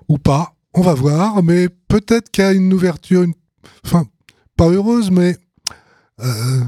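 A man's voice: fairly high pitch, warm tone, breathy edge, dry recording, clean studio sound. A man hosting a radio show, introducing songs in a hesitant, amused way. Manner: hesitant and amused, many fillers and restarts. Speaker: radio host presenting songs. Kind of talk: casual on-air commentary.

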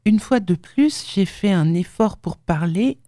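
A woman narrating an audiobook in a measured, sombre storytelling manner. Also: medium pitch, animated, dark tone, dry recording, studio quality.

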